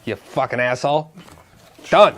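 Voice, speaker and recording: A man's voice: medium pitch, unhurried, a bit bright. A man in a casual comedy chat, complaining bluntly and swearing often. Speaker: panelist.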